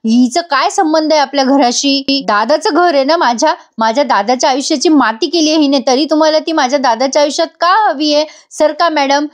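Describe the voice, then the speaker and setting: A woman's voice: high-pitched, fairly quick, hardly any pauses, pitched above the performer's own voice, lightly acted. A woman voicing an angry young woman who taunts and scolds a rival to throw her out of the house. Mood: angry taunting.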